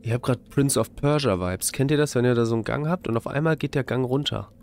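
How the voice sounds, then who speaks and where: A man's voice: medium pitch, quick pace, darkish tone. Joking man doing casual game commentary. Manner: joking, colloquial, mock-exasperated. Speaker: let's play streamer. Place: indoor room at a desk. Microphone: close microphone on boom arm, with headset. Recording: faint game noise behind voice. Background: faint game ambience.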